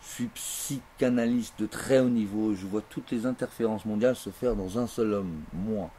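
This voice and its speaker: A man giving a grandiose, declamatory mystical monologue in an interview, slow and emphatic. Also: lowish voice, warm tone, slight background noise.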